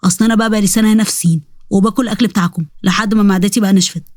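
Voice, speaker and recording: A woman's voice: mid-range voice, steady tone, racing, darkish tone, no echo, studio quality, natural voice. A woman with an Egyptian Arabic accent voicing a chatty, boastful young Egyptian man who jokes and rambles. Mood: excited. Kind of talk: storybook narration with character voices.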